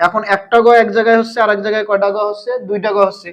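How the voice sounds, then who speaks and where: A man's voice: high-pitched, little pitch movement, racing, a bit bright. A man teaching a language lesson, asking his viewers questions and answering them himself. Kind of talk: explanatory grammar lesson.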